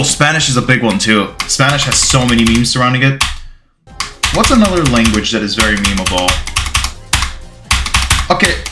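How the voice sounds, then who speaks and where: A young man born in Bulgaria, English his second language, chatting casually on a gaming livestream, rambling and reading out chat comments. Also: mid-range voice. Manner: rambling, reads chat aloud, thanks followers.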